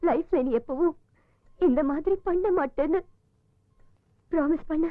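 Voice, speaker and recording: A woman's voice: high-pitched, unhurried, dry recording. A woman dubbing a caring but firm single woman in her thirties in film dialogue, speaking emotionally and scolding. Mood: pleading. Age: 30s. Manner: emotional, scolding then tender. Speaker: dubbing actress. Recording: tinny lo-fi film audio with music score.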